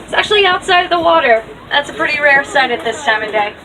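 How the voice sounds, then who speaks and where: Riding outdoors on a moving safari vehicle, this female guide offers cheerful live tour commentary in a high-pitched, animated voice, talking fast. The recording uses a distant mic amid the noise of the open vehicle and its passengers.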